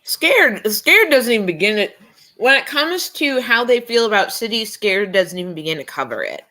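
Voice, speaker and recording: A woman co-host with a bright, ringing, fairly high voice chats casually on a podcast at a moderate pace, with a sing-song lilt. She speaks in blunt, emphatic bursts with a sarcastic edge, hammering her points home.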